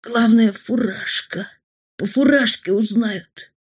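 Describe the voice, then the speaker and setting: A frightened teenage schoolboy pleads and frets, his voice near tears, as a woman reader puts him on. The tone is soft and breathy. He is an anxious storybook boy in trouble. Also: a little high, takes it slowly, voice pushed up. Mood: pleading.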